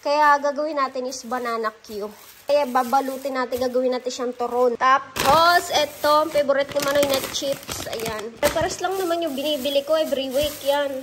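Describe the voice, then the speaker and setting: At home in her kitchen and living room, a thirty-something Filipino vlogger speaks playfully and informally into a phone at arm's length. Her high, fairly bright voice moves at normal speed, and a little hiss or hum can be heard.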